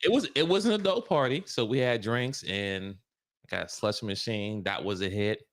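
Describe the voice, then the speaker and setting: A man's voice: lowish voice, moderate pace, a bit bright. A man co-hosting a casual livestream chat, telling laid-back stories and laughing along. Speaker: co-host.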